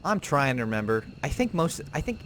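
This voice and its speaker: A man's voice: medium pitch, big pitch swings, brisk, a bit bright, a little hiss or hum. A man hosting a gaming video, giving casual commentary and musing to himself as he goes.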